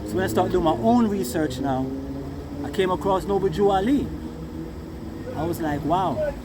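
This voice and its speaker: A man's voice: sits high, moderate pace. A Jamaican man giving impassioned, informal Rasta-style reasoning, emphatic and often checking that his listener follows. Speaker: interviewee. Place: outdoors near passing vehicles. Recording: noisy outdoor recording with traffic.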